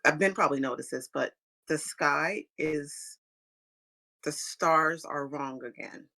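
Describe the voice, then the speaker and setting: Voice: medium pitch, takes it slowly, creaky, sharp tone. Rambling tabletop game master. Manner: rambling, with fillers and restarts.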